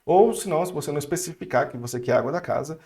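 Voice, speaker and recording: A man's voice: a little high, animated, very fast, warm tone. A young man with a Brazilian Portuguese accent teaching a casual online French lesson, chatty and upbeat with friendly asides.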